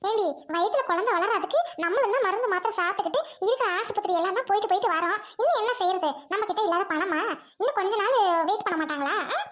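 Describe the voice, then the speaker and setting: Brief: anxious mother, played by a woman, pleads with her son-in-law, very high pitched. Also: animated, very fast, fairly bright tone. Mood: coaxing. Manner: scolding then begging. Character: worried mother of the wife, scolding and soft. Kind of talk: family melodrama skit.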